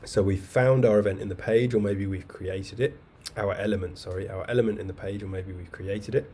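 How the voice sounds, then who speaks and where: A man with a lowish, mellow voice gives a live coding lesson over a video call from home. He explains step by step in a relaxed, chatty way, with a faint hiss of noise behind him. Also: brisk. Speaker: coding bootcamp instructor. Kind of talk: live online coding lecture. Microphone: webcam video call mic.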